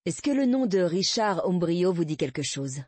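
A woman voicing a calm male police captain who asks measured, quiet questions in an audiobook reading. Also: lowish voice, dry recording. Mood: calm probing.

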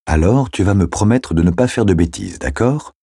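A man voicing a fierce, protective young woman friend who pleads and shouts sharply. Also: low-pitched, lively intonation, moderate pace, creaky, husky, dry recording, studio quality, heavily acted. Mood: teasing, bossy.

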